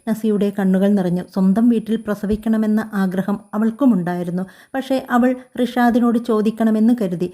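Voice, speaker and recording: Mellow woman narrating a story. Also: mid-range voice, fairly even intonation, normal speed, few pauses.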